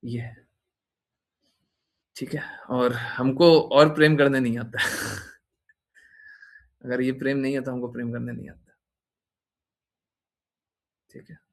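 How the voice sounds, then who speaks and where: An informal devotional talk from a man at a middle pitch, a spiritual teacher addressing his followers. He teases them gently, circles back over his phrases, and keeps pulling them in with little tag questions. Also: little pitch movement, slow pace, creaky, long pauses. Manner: teasing, repeats phrases, frequent "हैं?" tag questions.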